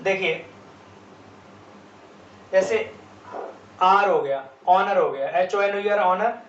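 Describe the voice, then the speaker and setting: A male teacher walks through a grammar lesson, spelling out words letter by letter and answering his own questions. His voice sits high, and it comes from some distance off the mic in an echoey room. The sound is dull and lo-fi, with a faint hiss behind it. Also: slow, fairly bright tone. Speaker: English teacher.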